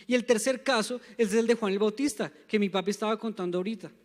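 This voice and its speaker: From the pulpit of a church sanctuary, a young man with a Bogotá Colombian accent preaches a sermon at a quick pace, his voice unusually high for a man. He is emphatic and has the congregation repeat words back to him. A long church-hall reverb rings through the sound.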